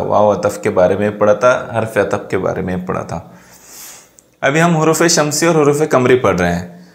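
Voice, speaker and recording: Male teacher in an echoey room. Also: medium pitch. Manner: asks questions and answers them himself, repeats key points. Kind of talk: classroom grammar lesson.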